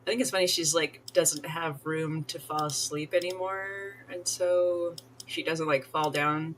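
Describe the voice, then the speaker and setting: A woman's voice: sits low, steady tone, unhurried, a little hiss or hum. A woman streaming a life-sim game, chatting casually, giggling and talking to the characters on screen. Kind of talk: casual gameplay commentary.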